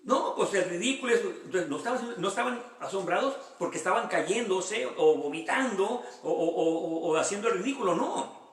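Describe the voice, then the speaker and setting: A man's voice: high voice, expressive, normal speed. A male pastor leading a Bible study, reading verses aloud and explaining them in a conversational way with rhetorical questions. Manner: reads verses aloud, then explains them with personal anecdotes. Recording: echoey room, voice from far off the mic.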